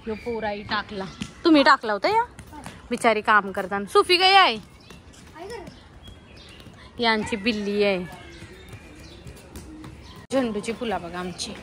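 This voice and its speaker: A woman's voice: medium pitch, sing-song, unhurried, pauses often. A woman, chatting casually to her viewers in a family vlog, pointing things out as she goes outdoors. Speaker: vlogger. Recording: loud music and crowd behind.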